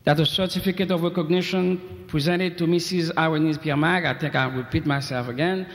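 In a slightly high, fairly even voice and at a fairly quick clip, a man announces awards from a podium, reading citations formally while slipping in joking asides and mentioning that his voice is going. It comes from an echoey 1990s video of a big convention hall.

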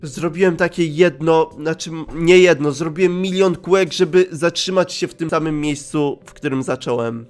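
A man hosting a video game playthrough, talking in an energetic, animated way, making silly sound effects and swinging between loud outbursts and mutters. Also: a little high, normal speed, hardly any pauses, a little hiss or hum. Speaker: gaming video host. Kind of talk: energetic let's-play commentary.

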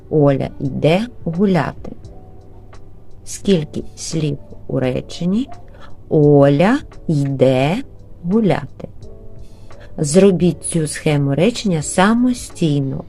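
A woman's voice: low-pitched, mellow. A woman teacher, giving an early reading lesson to young children and drawing out words syllable by syllable. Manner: slow, drawn-out syllable-by-syllable word modeling.

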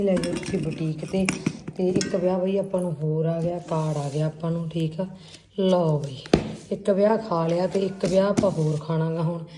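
A woman's voice: lowish voice, dark tone, a little hiss or hum. A woman with a Punjabi accent chatting casually and familiarly as a vlogger, to viewers and companions alike. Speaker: vlogger and boutique owner. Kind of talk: casual vlog chat.

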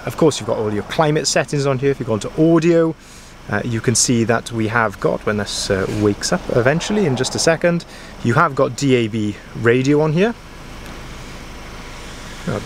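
A man talks through a pickup truck's features with eager praise, sprinkling in ums and uhs. His voice sits at a middle pitch. The camera-mic recording carries a faint hum of outdoor noise. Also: animated, normal speed. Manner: chatty, enthusiastic, frequent ums and uhs. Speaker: car sales manager. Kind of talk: walkaround vehicle review. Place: inside a pickup truck, then outdoors at a dealership yard.

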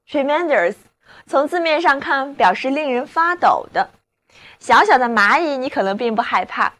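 A woman whose first language is Chinese, presenting a scripted English vocabulary lesson and slowing down to spell words and model example sentences. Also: high-pitched, a bit bright. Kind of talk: scripted radio-style lesson narration.

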